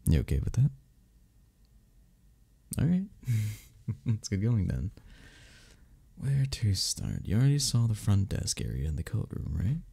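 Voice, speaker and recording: This is a one-sided ASMR romance roleplay where a man voices a flirty, friendly male cuddle club member guiding a newcomer. The voice is lowish, breathy and gravelly, with huge pitch swings, an unhurried pace, frequent pauses, and a mellow, exaggerated quality. Gentle and inviting, he teases and reassures, chuckling between phrases.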